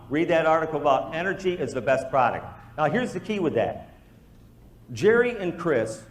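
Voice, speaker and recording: The room echoes as a business presenter with a fairly high-pitched voice gives a live group a motivational talk, animatedly relating stories and acting out each quoted line of dialogue.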